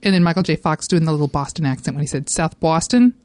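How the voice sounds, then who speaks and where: A woman's voice: low-pitched, very fast, darkish tone, no room sound. A woman co-hosting a casual chat, explaining the plot at length. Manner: chatty, explains plots at length. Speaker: podcast co-host.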